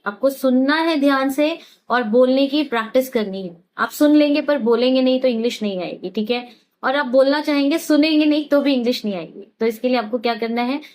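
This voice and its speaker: A woman teaching spoken English, explaining in a chatty, encouraging way and saying each practice sentence very slowly, again and again. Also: high-pitched, a little mellow. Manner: says English model sentences very slowly and repeats them; chatty, encouraging classroom talk. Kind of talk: spoken English lesson in Hindi.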